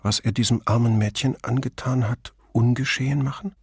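A man's voice: medium pitch, fairly even intonation, brisk, slightly rough, no echo, studio quality. A man voicing a frightened, dramatic female stage star who speaks in agitated, theatrical outbursts. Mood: uneasy.

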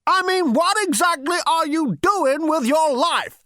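A man voicing a tiny, ancient, irritable alien great-grandfather in a screechy, rasping storybook voice, scolding and scornful. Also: very high voice, sing-song, sharp tone, dry recording, studio quality, voice pushed up, heavily acted. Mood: disdainful. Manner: snapping, scolding, drawn-out emphasis.

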